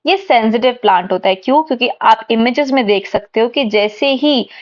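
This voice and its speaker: A woman's voice: a little high, brisk. A woman teaching a science lesson, explaining step by step and asking her class questions that she answers herself. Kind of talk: classroom lecture mixing Hindi and English. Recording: dull lo-fi recording.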